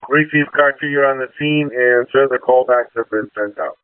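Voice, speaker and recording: A male fire dispatcher reads messages back procedurally over a two-way radio. He has a clean, medium-pitched voice that sounds distant through a tinny narrow channel. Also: moderate pace, clean tone, dry recording.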